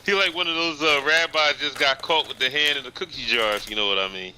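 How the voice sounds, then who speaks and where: A man's voice: on the high side, fast, sharp tone, a little hiss or hum, poor audio. A man in a casual stream chat, playful and teasing. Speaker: stream guest.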